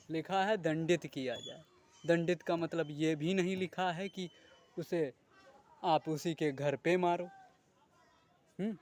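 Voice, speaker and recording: Male vlogger, high voice, heated indignant rant with crude language and rhetorical questions. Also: darkish tone. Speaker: video creator. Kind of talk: ranting monologue to camera.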